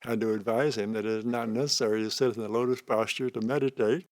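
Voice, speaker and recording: An older man giving an unscripted spiritual talk on meditation as a teacher, speaking slowly and calmly in short, deliberate phrases with pauses. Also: medium pitch, no echo. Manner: slow, calm, deliberate delivery with pauses between short phrases.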